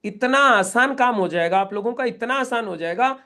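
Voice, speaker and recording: A man's voice: extremely high pitch, normal speed, bright, forceful tone. A middle-aged man leading a live training session in a meeting room, instructing the group and quizzing them with questions.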